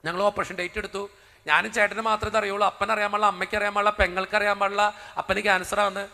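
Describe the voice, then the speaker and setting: A priest preaching a sermon as a personal story, acting out the dialogue with drama. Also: male voice, sits high, little pitch movement, rapid-fire, pushed and bright, long reverb tail.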